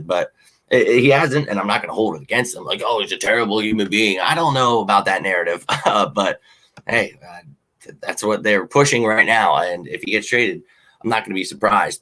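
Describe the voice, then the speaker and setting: On his fan show, a man with a fairly low, slightly hoarse voice rambles through casual sports talk and viewer comments, hopping between opinions with lots of ums and uhs. His tone is bright and forceful, and he comes across as an opinionated, unpolished fan. The recording is rough.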